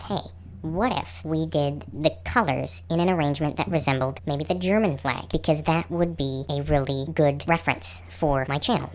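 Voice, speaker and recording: A man presenting a casual, explanatory slideshow narration, his voice electronically pitched up like a helium chipmunk. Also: rough recording. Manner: conversational, explanatory. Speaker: channel host presenter.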